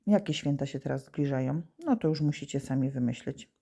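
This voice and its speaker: This primary school teacher has a rumbling low, mellow voice with vocal fry, and she talks briskly. Teaching young pupils remotely, she stays patient and answers her own questions.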